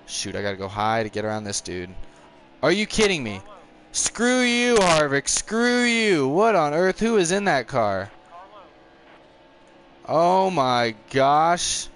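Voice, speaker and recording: Fairly high in pitch and fairly bright in tone, this young man's voice belongs to a nineteen-year-old gaming streamer. He casually chats and rambles on a live stream while racing, reacting to each moment. He's talkative, quick to frustration, and given to chuckles.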